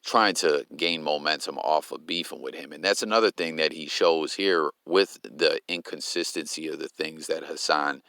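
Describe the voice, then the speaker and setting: A man's voice: rumbling low, normal speed, few pauses, pushed and bright, no echo, studio quality. A man hosting a casual commentary vlog, laid-back and slang-heavy, often stumbling over his words. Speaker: commentary channel host.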